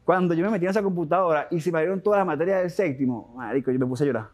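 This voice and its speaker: A Venezuelan man in his young adult years tells his story at a rapid clip, his voice sitting fairly high. He restarts sentences, drops slang and talks with animated feeling as an interview guest. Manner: animated, fast-talking, with frequent restarts and slang.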